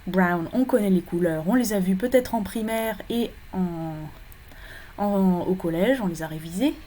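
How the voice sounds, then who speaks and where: A woman's voice: medium pitch, a little slow, mellow, slight background noise. A woman teaching English phonology in a recorded lecture for exam preparation, explaining step by step with frequent fillers and self-corrections.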